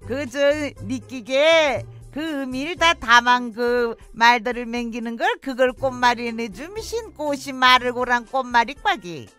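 A middle-aged Jeju housewife in a radio drama, speaking in a thick Jeju accent. Her voice sits high and bright, and she rambles on wistfully, sighing between memories. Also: expressive, a little slow, few pauses, soft background music. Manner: rambling, reminiscing, sighing "aigo".

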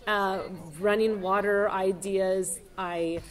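A woman's voice: medium pitch, steady tone, slow. A woman narrating a voice-over in a plain way, with an occasional "um" or "uh". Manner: plain, a few "um" and "uh" slips.

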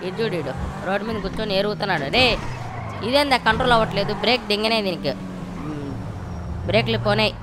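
A woman's voice: mid-range voice, expressive, fast talker, long pauses, background noise. A young woman giving casual, rowdy, playful gameplay commentary and swearing freely. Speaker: gaming channel host.

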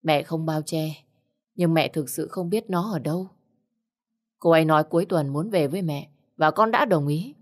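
A woman's voice: sits low, moderate pace. A woman reader voicing a worried, grieving elderly mother who blames herself. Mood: sad. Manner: mournful, self-blaming.

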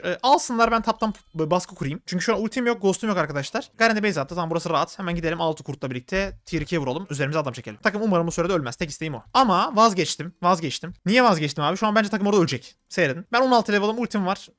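A man streaming a video game, giving quick play-by-play and complaining about his teammates. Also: high voice, a bit bright, no echo, studio quality. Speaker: gaming streamer. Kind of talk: live gameplay commentary.

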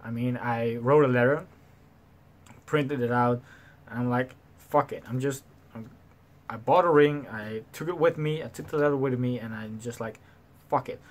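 A young man in his twenties casually telling a story to his camera, animated and swearing freely, acting out the people in it, recorded in a small bedroom on a desk webcam. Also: medium pitch, normal speed. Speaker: vlogger. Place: small bedroom with slanted ceiling, indoors.

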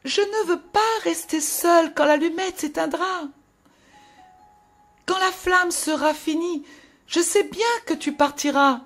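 A desperate, lonely little girl pleads in a very high childlike voice, as a woman reads her part in a storybook. She speaks without hurry. Faint music plays beneath. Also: fairly bright tone, exaggerated voice. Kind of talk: storybook reading.

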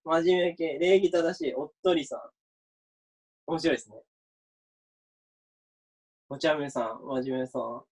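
A man's voice: a little high, unhurried, long pauses, a little mellow, slightly rough. A university lecturer giving an online mock class, chatty and reading out viewer comments as he talks.

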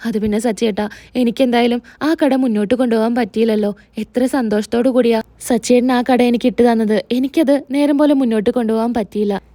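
A gentle young wife, tearful and pleading, as a woman narrator voices her. The voice is fairly high and warm. The sound is dry and close. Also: steady tone, fast talker, no echo, natural voice.

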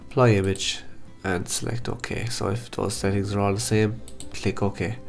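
Man, nasal from hay fever, gravelly, flat low delivery, screen tutorial, faint music underneath. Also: moderate pace. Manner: calm step-by-step instructions. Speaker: photography tutor. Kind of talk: screen-recorded software tutorial.

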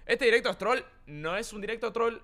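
A young Argentine man streams from his room with a green screen, joking around in a brash, swear-heavy casual chat. He speaks Argentine Spanish in a high, sharp voice at a slightly fast pace.

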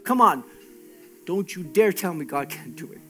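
A man's voice: sits high, expressive, moderate pace, music in the background. A man preaching a sermon as pastor, emphatic and exhorting, often repeating his phrases.

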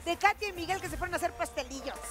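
High-voiced playful woman TV host. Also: rapid-fire. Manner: playful, upbeat questioning. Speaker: dating show host. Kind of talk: live TV hosting. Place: TV studio set. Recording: studio with music behind.

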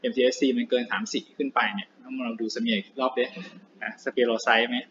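Male lecturer, casual and chatty with lots of fillers, mid-pitched voice, dull lo-fi recording with light background hiss. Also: quick pace. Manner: relaxed, chatty, with many filler particles and restarts.

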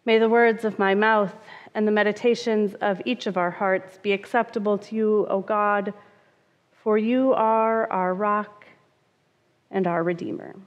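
A woman pastor giving a conversational sermon, with touches of humor and frequent "uh" fillers. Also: mid-range voice. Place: church sanctuary. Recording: reverberant, dull church sound.

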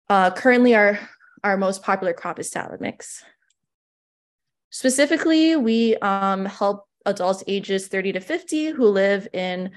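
A woman in her twenties from Hawaii, a small farm owner giving a conference presentation over a video call, talking casually with many fillers. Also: medium pitch. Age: 20s.

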